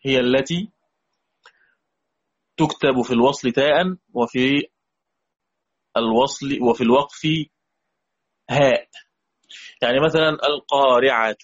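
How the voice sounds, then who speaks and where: In an explanatory Quran recitation lesson, a man with an Egyptian Arabic accent patiently goes over key points again and questions his students. His voice is mid-range, and the recording has its highs cut off.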